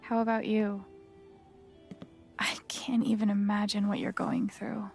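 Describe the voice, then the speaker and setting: A woman's voice: mid-range voice, completely flat delivery, unhurried, creaky, a little mellow, faint music behind. A woman acting a kind, self-doubting young woman in a video game, musing hesitantly. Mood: concerned. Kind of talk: video game dialogue and inner monologue.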